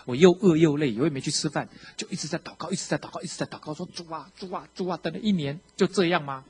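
A man with a Taiwanese Mandarin accent giving a sermon testimony, telling his story with animation and acting out the quotes, shifting between hushed and loud. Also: a little high, very fast, breathy edge. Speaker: preacher sharing his testimony.

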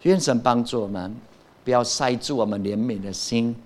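A male pastor delivers a sermon. His voice sits at a middle pitch, and his delivery is emphatic. He keeps asking the congregation questions and then answers them himself. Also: normal speed, a little mellow.

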